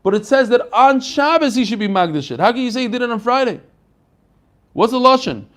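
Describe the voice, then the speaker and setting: A man with a distinctly high-pitched voice teaches a Talmud class as a rabbi. He reads short Hebrew and Aramaic phrases, then explains them in animated question and answer, acting out bits of dialogue. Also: fairly quick. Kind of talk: Talmud lesson, reading and explaining text.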